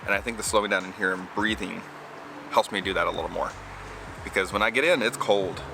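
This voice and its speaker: A man's voice: fairly low pitch, fairly quick, creaky, noisy background. A man talking casually to camera outdoors as a vlogger. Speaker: vlogger doing a cold plunge challenge. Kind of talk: casual vlog talk to camera.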